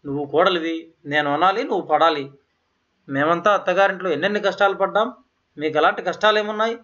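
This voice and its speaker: Shrill scolding mother-in-law, voiced by a man. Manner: loud, scolding, rapid rebukes. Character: harsh scolding older woman, a domineering mother-in-law. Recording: slightly dull, lo-fi audio.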